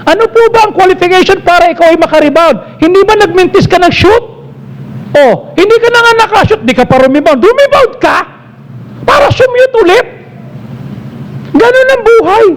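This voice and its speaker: A man's voice: extremely high pitch, a little hiss or hum, poor audio. A man with a Filipino accent preaching a sermon as pastor, emphatic and exhorting, switching between Tagalog and English. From Philippines.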